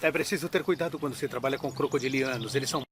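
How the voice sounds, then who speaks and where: A man's voice: medium pitch, very fast, a bit bright, close to an everyday voice. An actor voicing a crocodilian researcher, a man speaking in a dubbed nature documentary. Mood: cautious, explaining. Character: male crocodilian researcher, cautious and impressed. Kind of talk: dubbed nature documentary interview and field commentary. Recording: noisy, outdoor ambience behind.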